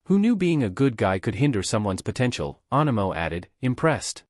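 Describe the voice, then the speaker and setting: Man narrating fanfiction, lively up-and-down pitch, dry close sound. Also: normal speed, no echo. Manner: reads every character in one even narrating voice. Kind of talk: fanfiction read-aloud.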